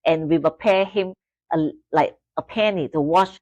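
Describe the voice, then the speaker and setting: A woman's voice: low-pitched, normal speed, a little mellow, dry recording, lo-fi sound. A Malaysian woman in her fifties whose first language is Chinese, a guest telling her life story in broken, simple English and laughing often. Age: 50s. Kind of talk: casual interview storytelling.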